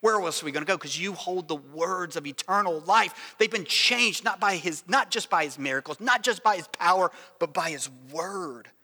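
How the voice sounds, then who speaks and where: A man preaching a sermon as pastor, animated, with restarts and voiced asides. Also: sits high, moderate pace, hardly any pauses, slightly rough, in a large hall.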